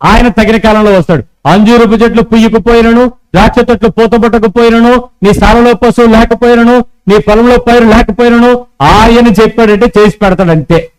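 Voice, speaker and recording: A man's voice: steady tone, normal speed, clean tone, soft background music, rough recording. A man preaching a sermon as pastor, urging the congregation to repeat his words to each other and acting out quoted conversations. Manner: preaching with call-and-response prompts to the congregation; acts out quoted dialogue in a lowered voice.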